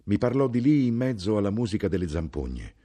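A man giving a measured, expressive literary reading of a novel. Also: on the low side, breathy edge. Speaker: audiobook reader. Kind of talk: scripted literary narration.

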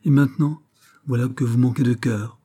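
A male reader lifts his voice into a proud noblewoman who presses her case with passion and insistence. The tone stays dark and mellow under a husky edge, as in a storybook reading. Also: mid-range voice, fairly even intonation, normal speed, close to an everyday voice. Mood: reproachful. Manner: impassioned, pleading and insistent. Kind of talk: audiobook reading of a classic novel.

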